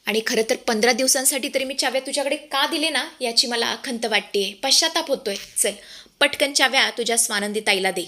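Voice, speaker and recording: A woman's voice: fairly high pitch, fairly quick, pushed and bright. A woman voicing an angry, commanding man who heads the household. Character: angry authoritative husband, head of house.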